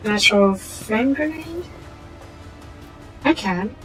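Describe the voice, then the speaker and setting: A woman's voice: fairly high pitch, expressive, slow pace, a bit bright, soft background music, poor audio. A woman streaming a video game, chatting casually as she plays and reading the game's text aloud, sometimes stumbling over the words.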